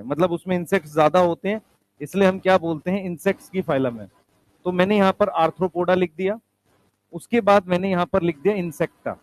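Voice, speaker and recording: A man teaching a biology lesson, asking questions and answering them himself, slowing down to stress key terms. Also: high-pitched. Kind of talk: classroom lecture.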